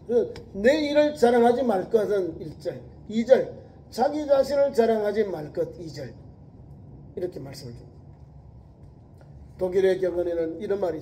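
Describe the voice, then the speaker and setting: Preaching in a church sanctuary, a male Korean pastor speaks in a high, warm voice, with slight background noise and echo from the hall. He talks colloquially and emphatically, repeating words for force and voicing biblical figures in brief acted quotes.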